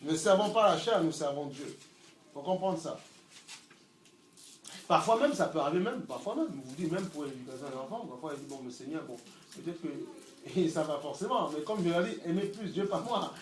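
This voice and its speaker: A middle-aged man with a high-pitched voice preaches a sermon, picked up from far off in a reverberant room with faint ambient noise. He swings from loud shouts down to near murmurs. He often repeats a word several times before going on. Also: lively intonation, fairly quick. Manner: repeats words while searching for them.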